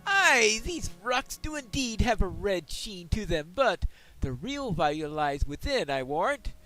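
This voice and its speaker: A man voicing a hearty, gruff dwarf prospector in a fantasy game, declaiming in old-fashioned wording. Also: sits high, very animated, unhurried, sharp tone, soft background music, voice pushed up, full character voice, poor audio. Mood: hearty, eager. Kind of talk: reading fantasy game quest dialogue.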